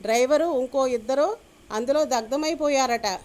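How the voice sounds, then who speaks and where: A woman reading the part of a worried middle-aged husband who breaks bad news in a hushed, careful way. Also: sits high, moderate pace, natural voice. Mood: anxious.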